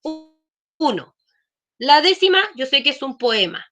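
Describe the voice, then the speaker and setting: Woman, schoolteacher, bright and slightly high voice, patient online lesson. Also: very animated, normal speed, faint music behind. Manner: explains patiently, checks in often with questions.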